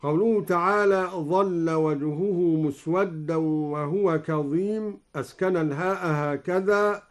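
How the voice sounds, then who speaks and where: A man with a notably high voice explains recitation variants in a formal, measured way. He speaks slowly and drops into drawn-out chanted recitation for each verse he quotes. The sound is a clean radio studio recording. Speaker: Quran recitation teacher.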